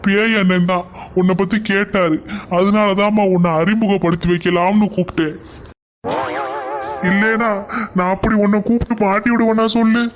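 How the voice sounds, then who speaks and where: A man's voice: high voice, fairly even intonation, moderate pace, long pauses, faint music behind. A man voicing a cowardly, bald husband in a cartoon who whines, begs and fawns. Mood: coaxing. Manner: whining, begging, fawning.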